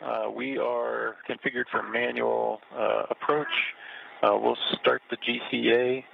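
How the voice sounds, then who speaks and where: A man on a crackly narrowband space radio link, calling out steps to a spacewalker in a measured way with many fillers. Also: mid-range voice, little pitch movement, creaky. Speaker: robotic arm operator talking to a spacewalker. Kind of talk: live spacewalk radio calls. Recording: tinny radio link with faint static.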